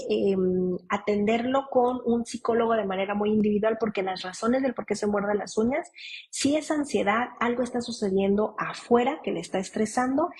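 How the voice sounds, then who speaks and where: A woman in her thirties, a psychologist and mother, answering parents' questions in a conversational way, often restarting her sentences. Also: medium pitch. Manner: conversational, warm advice with frequent restarts. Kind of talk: live Q&A with parents.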